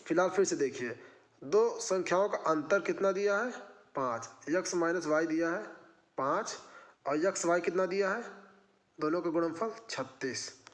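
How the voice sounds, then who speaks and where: A man. He walks through each problem one step at a time, asking the class questions and then answering them himself. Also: high-pitched. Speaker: math teacher. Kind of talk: exam-prep math lesson.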